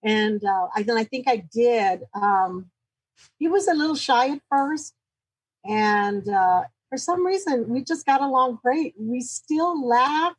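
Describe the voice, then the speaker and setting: A woman of sixty-nine, a guest chatting warmly about her marriage, quick to laugh and joke about herself. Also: on the high side, lively intonation, husky, low-quality recording. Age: 60s. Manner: chatty, laughing, self-joking. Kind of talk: casual interview chat.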